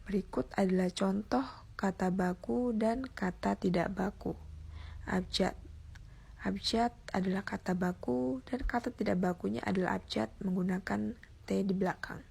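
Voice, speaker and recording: A young woman reads her class presentation aloud from notes, keeping a steady pace and sometimes restarting a word. Her voice is husky and breathy, with a gravelly creak at the ends of phrases. She sounds like a university student presenting coursework. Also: medium pitch. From Indonesia. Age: young adult.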